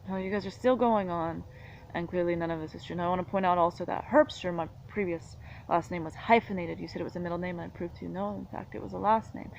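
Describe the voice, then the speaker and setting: A woman with a lowish, gravelly voice delivers a rambling, indignant rant, arguing point after point. The recording sounds dull and lo-fi, with a faint hiss behind her. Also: fairly even intonation, fast talker. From United States. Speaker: vlogger. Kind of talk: casual monologue to camera.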